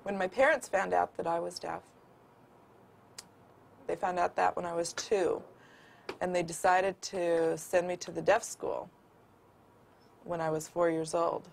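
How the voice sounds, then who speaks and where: A man's voice: high voice, level tone, a little slow, vocal fry, pauses often, a little hiss or hum. A deaf man giving plain, level answers in an interview. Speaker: interviewee, deaf test subject.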